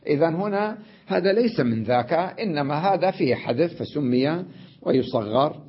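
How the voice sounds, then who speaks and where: A man teaching an Arabic grammar lesson, explaining step by step, checking in with his students and pausing on drawn-out fillers. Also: a little high, expressive, slightly rough. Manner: explains step by step, often asks "تمام؟" and adds "نعم"; drawn-out "آه" fillers between points. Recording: dull lo-fi lesson recording.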